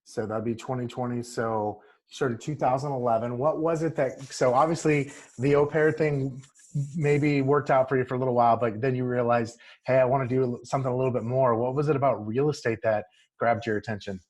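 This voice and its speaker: A man hosting a podcast, asking questions in a relaxed, friendly way with frequent restarts. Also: medium pitch, a little fast. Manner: easygoing, repeats and restarts, friendly. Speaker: podcast host. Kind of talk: casual interview.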